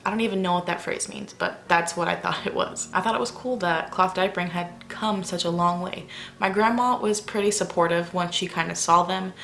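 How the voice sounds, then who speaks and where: A woman's voice: fairly low pitch, steady tone, a little fast, a bit bright. A young adult woman vlogging at home late at night, talking in a chatty, rambling way and keeping her voice down while her family sleeps. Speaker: parenting vlogger. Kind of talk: casual talk to camera. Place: house at night, family asleep.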